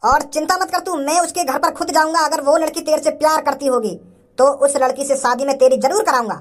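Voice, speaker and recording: A man voicing a gruff, hot-tempered rustic father in a cartoon, with a village dialect. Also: very high voice, brisk. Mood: pleased. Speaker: girl's father. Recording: faint background music.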